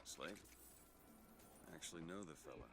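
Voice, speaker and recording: An actor playing a gruff, world-weary former soldier in a video game, with a wry, clipped manner. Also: male voice, a bass voice, moderate pace. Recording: game audio with background noise.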